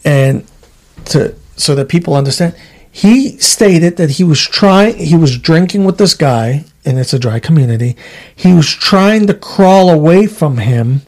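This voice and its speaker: A man hosting a podcast, a former state trooper telling work stories in a casual, animated way and acting out the people in them. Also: a little high. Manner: animated, acts out voices in his stories. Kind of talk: casual storytelling chat.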